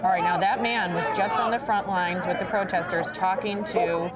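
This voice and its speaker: Low-voiced woman anchoring live coverage. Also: normal speed, over a noisy crowd. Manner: directing viewers, calm. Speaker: news anchor. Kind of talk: live news commentary.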